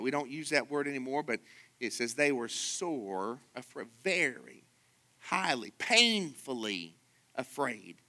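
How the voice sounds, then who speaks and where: Male pastor preaching, bright tone, moves from hushed asides to loud emphatic peaks. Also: mid-range voice. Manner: storytelling, with filler "uh" and repeated words. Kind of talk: sermon.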